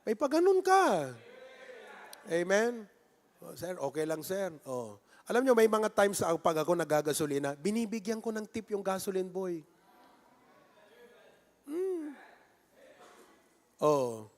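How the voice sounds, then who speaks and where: A man with a Filipino accent, a pastor who preaches in a lively, conversational way and jokes with his congregation. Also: high-pitched, unhurried, long pauses. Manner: playful, jokes with the congregation and acts out little scenes. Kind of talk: sermon. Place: church sanctuary. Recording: echoey church hall.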